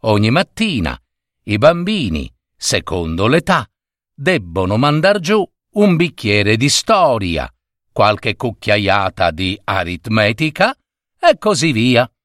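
A man reading a children's story aloud as narrator, in an expressive, playful storytelling manner. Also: fairly low pitch, takes it slowly, dry recording, studio quality.

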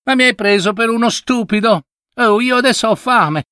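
A man's voice: very high-pitched, moderate pace, bright, forceful tone, no echo, studio quality, voice pushed up. A man voicing a sly, hungry male leopard in a fable, jeering and scornful. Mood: mocking. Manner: jeering, laughing between threats.

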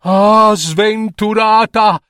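A man's voice: extremely high pitch, very animated, slow pace, a bit bright, no room sound, studio quality, voice pushed up, full character voice. A man doing a tearful fretful king. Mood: lamenting. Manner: pleading, sobbing. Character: anxious, tearful old king, a fretful father.

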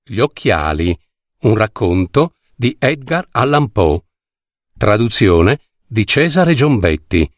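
A man narrating a classic story aloud with an expressive, theatrical reading. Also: lowish voice, takes it slowly, no echo, studio quality. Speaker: audiobook narrator.

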